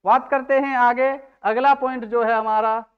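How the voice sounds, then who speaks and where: A man's voice: extremely high pitch, steady tone, a little slow, smooth, muffled recording. A male teacher giving a spelling lesson, who keeps asking a question and then answering it himself.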